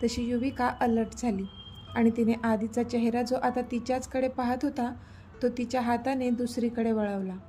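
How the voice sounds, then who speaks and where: A woman storyteller reading a romantic story aloud in a steady, even way. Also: on the high side, normal speed, a little hiss or hum. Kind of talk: scripted story narration.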